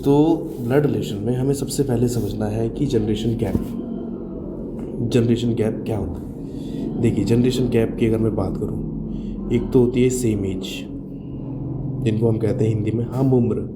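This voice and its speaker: A man's voice: mid-range voice, steady tone. Man teaching with a sore throat. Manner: slow, careful explaining with English terms mixed in. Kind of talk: recorded classroom lesson. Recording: echoey room with noise.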